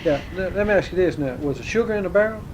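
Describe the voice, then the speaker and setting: A man's voice: animated, rapid-fire, dull audio, a crowd in the background. A man with a Southern US accent, conducting an informal oral history interview with folksy, probing questions. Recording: faint rumbling noise on home tape.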